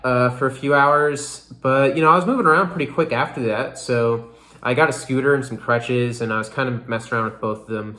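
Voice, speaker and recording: A man's voice: mid-range voice, bright, forceful tone, roomy sound. A young man giving a casual recovery update on his vlog, rambling with lots of "like" and "you know.". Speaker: vlogger.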